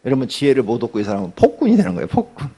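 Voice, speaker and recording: Gravelly, husky male pastor, swooping pitch; chatty dawn sermon with quick questions to the pews. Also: big pitch swings, dark tone. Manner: conversational, asks the congregation questions; acts out everyday people in quotes, joking. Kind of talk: early-morning sermon.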